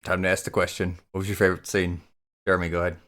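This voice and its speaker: A man's voice: low voice, flat delivery, racing, a bit bright. A man hosting a casual movie podcast, easygoing and steering the questions. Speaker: podcast host. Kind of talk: casual movie review chat.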